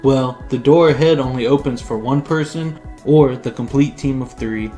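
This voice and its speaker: A man's voice: mid-range voice, normal speed, dark tone, soft background music, natural voice. Creepy male killer in an audio fan story, plain reading voice, man performing. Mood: creepy calm. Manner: pleading, then gloating.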